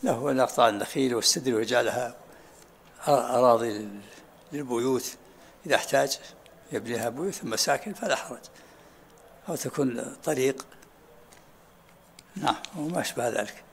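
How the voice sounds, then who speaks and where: A man teaching a study circle as sheikh, explaining texts at an unhurried pace and often asking students to repeat what they said. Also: mid-range voice, gravelly, a little hiss or hum. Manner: unhurried, often asks "ha?" to have things repeated. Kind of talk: lesson commentary with questions and answers.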